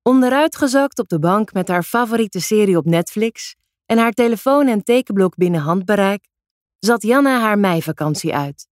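A woman's voice: mid-range voice, animated, moderate pace, no room sound. Woman reading a story, dry close sound. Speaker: narrator.

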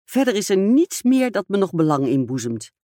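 A woman reading aloud, voicing a vain, excitable society stepmother who gushes and speaks self-importantly. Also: medium pitch, moderate pace, no echo, clean studio sound, pitched above the performer's own voice, lightly acted. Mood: excited. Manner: gushing, self-absorbed, exclamatory.

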